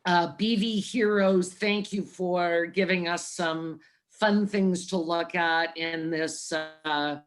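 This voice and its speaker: A woman with a fairly low voice chairs a council meeting over a video call. Her connection keeps freezing, so her chatty, restart-filled speech comes through choppy and cut off. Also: steady tone, slow pace. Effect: choppy frozen video-call audio that cuts out.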